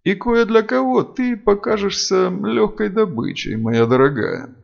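A man voicing a stern male dark mage lord who speaks in a commanding, cutting way. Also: sits high, lively intonation, measured pace, gravelly, pitched above the performer's own voice, exaggerated voice. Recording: dull lo-fi audio.

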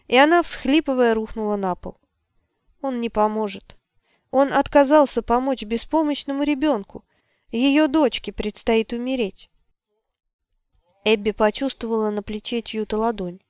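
A woman narrating an audiobook in an even, storytelling read. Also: fairly high pitch, moderate pace, clean tone, no room sound, studio quality. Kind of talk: scripted narration.

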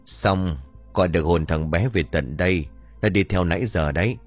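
Một người đàn ông đọc lời bà đồng già mệt mỏi, nói giọng thản nhiên. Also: male voice, low-pitched, normal speed, faint music behind. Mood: weary. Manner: tired, matter-of-fact. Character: weary old female spirit medium.

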